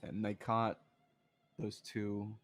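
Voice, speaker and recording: A man playing a tabletop game in character, speaking in a measured way. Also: lowish voice, completely flat delivery, soft background music. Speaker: player.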